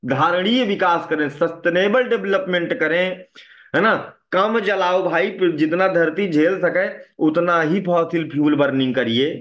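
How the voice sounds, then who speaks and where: A man lecturing a class in a fairly high voice. He keeps checking in with his students, firing questions at them and tagging his sentences with a quick "right?". His voice sits a little above most men's. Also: fairly bright tone. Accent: Hindi. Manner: asks the class questions and repeats "है ना" often. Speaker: teacher.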